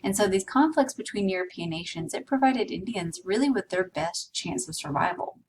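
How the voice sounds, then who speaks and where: A woman's voice: medium pitch, animated, moderate pace, distant mic, a little hiss or hum, rough recording. A woman teaching a history class in a conversational way, with asides to her students. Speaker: history instructor. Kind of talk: recorded lecture.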